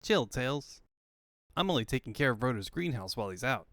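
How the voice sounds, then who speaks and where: A man's voice: mid-range voice, animated, a little fast, a bit bright, no echo, clean studio sound. A man voicing a cocky, laid-back young cartoon hedgehog hero who talks in breezy slang. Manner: breezy surfer-dude slang.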